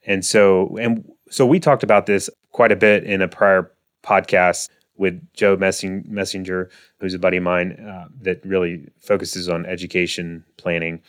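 Speaking at a normal pace in a low register, a man in his thirties talks casually on his own finance podcast, often restarting sentences and leaning on filler words.

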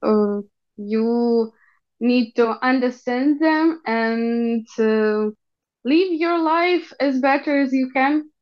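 Young woman with a Ukrainian accent, higher-pitched. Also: lo-fi sound. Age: young adult. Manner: halting, searching for words in non-native English. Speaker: interview guest. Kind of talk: personal interview account.

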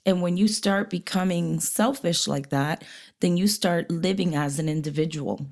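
A woman of forty-eight co-hosting a podcast about couples, with a somewhat low voice. She chats casually and laughs easily, and she backs her partner up with quick murmurs of agreement. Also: creaky, darkish tone. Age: 40s. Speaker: podcast co-host. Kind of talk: casual chat.

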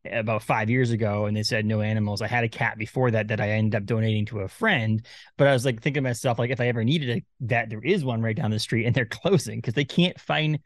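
A man's voice: fairly low pitch, quick pace, no echo. A man in his thirties from Maine, hosting a podcast in casual chat, rambling and laughing often. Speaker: podcast host.

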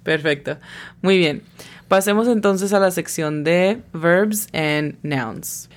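A woman with a lowish voice speaks slowly as she teaches a scripted English lesson, patiently breaking down each word's pronunciation letter by letter.

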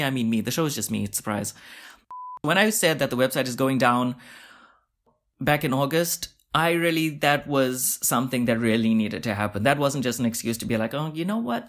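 In this casual solo podcast episode, the young host talks alone with a mid-range, fairly bright male voice. He pokes fun at himself as he chats and rambles, constantly wandering off into asides.

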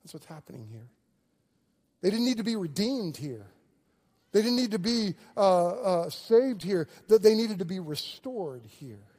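A middle-aged man preaching a sermon, telling stories animatedly, with frequent restarts and swings between loud and hushed delivery. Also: high-pitched, sing-song, unhurried. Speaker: pastor.

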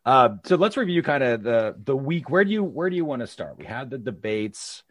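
A young man co-hosting a casual political chat show with his mother, animated and sarcastic, with many restarts. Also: mid-range voice, brisk, no echo, studio quality. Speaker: podcast co-host.

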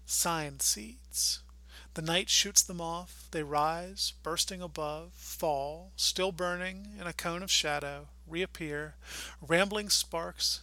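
A man reading poetry aloud as a podcast host, in a measured, deliberate way with pauses between phrases. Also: on the high side, gravelly, sharp tone.

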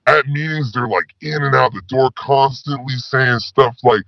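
A man playing a rambling, slang-talking male spy who calls in with his voice pitched down. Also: moderate pace, gravelly, dry recording. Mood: laid-back. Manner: stoner slang, rambling, laid-back. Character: slacker male spy caller with disguised voice. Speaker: caller. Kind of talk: comedy call-in sketch. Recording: dull lo-fi phone call.

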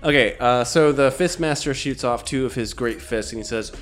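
A man running a tabletop game as game master, narrating in a casual, halting way full of ums and gross-out detail. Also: mid-range voice, over music.

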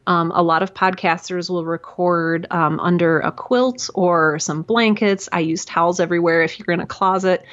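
A woman who creates audio dramas appears as a podcast guest, talking casually and self-deprecatingly in a conversational interview, full of fillers and restarts. Her voice is on the low side and a bit bright, with fairly even intonation, normal speed and few pauses. The audio is dull, recorded in a room at home hung with towels.

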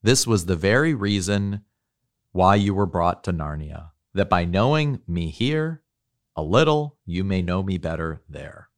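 A man reading aloud the lines of a wise, gentle great lion who speaks tenderly to children. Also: low voice, animated, a little slow.

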